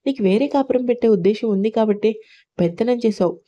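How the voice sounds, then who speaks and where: A woman's voice: on the high side, fast talker, lightly acted. A woman voicing a bitter, suspicious older mother-in-law who rebukes her daughter-in-law, on a dull lo-fi recording. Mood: bitter accusing. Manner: accusing, sharp rebukes.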